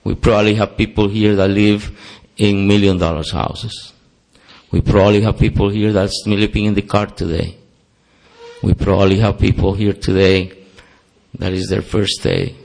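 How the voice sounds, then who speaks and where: A man's voice: on the low side, level tone, moderate pace, creaky, darkish tone. A man from Costa Rica with a Costa Rican Spanish accent and Spanish as his first language, giving an earnest personal testimony at a recovery meeting with self-deprecating humor. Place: meeting hall.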